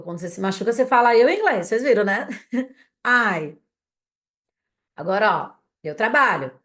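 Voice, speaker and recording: A native Portuguese-speaking woman teaching English vocabulary, drilling each word slowly for learners to repeat and checking in with them often. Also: medium pitch. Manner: slow, patient drilling of words for learners to repeat; casual and encouraging, with frequent check-ins.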